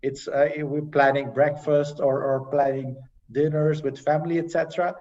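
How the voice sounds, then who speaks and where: A young man sharing his experience as a panel guest in a casual, halting way, with many fillers and restarts, over a video call. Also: on the high side, flat delivery, darkish tone. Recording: dull distant video-call audio.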